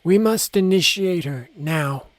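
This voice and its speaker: A man's voice: fairly high pitch, extremely slow, a little mellow, dry recording. Man voicing a muttering toothless old crone. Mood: commanding.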